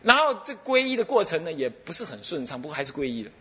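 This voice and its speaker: A man's voice: on the high side, fast. A middle-aged man with a Taiwanese Mandarin accent, a Buddhist abbot giving a dharma talk full of stories, laughing and acting out the dialogue. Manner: animated storyteller who laughs and acts out dialogue.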